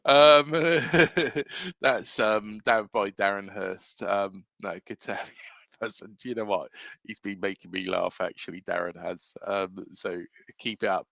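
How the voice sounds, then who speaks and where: A chatty English man hosting a fan-run football show, talking in a lowish voice. He rambles with plenty of "um"s and "you know"s. The sound is dry and close, with no room around it. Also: steady tone, measured pace, creaky, sharp tone, dry recording. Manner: chatty, rambling, many fillers, reads viewer comments. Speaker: football podcast host. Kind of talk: casual livestream chat.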